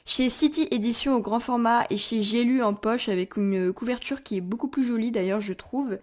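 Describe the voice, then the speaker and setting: A woman's voice: a little high, a little mellow. A young woman chatting candidly through her monthly book reviews, with playful asides. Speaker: book vlogger. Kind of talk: casual book review monologue.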